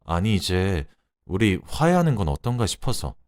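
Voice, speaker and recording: A man's voice: low voice, big pitch swings, moderate pace, a little mellow, clear, resonant tone. A man voicing a worn-down, sulky husband in a radio drama reading, speaking in a subdued mumble. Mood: weary.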